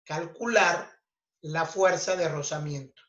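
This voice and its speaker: A man's voice: fairly high pitch, fairly bright tone. A man teaching a physics lesson, explaining step by step and checking in with "ok?" after nearly every point. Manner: slow, deliberate explaining, checks in with "ok?" constantly. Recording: roomy, dull lo-fi recording.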